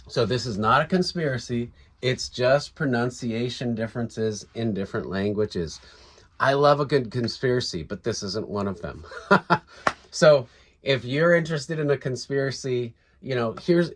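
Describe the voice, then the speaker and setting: A man giving a casual, unscripted video lesson, explaining step by step with fillers and restarts. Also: lowish voice. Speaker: teacher.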